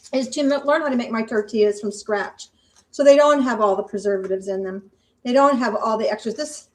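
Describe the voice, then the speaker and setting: An older woman with a high voice talks casually while she cooks in her home kitchen. She chats in a friendly, homey way, narrating each step as she goes. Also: low-quality recording. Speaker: vlogger. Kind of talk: casual cooking vlog.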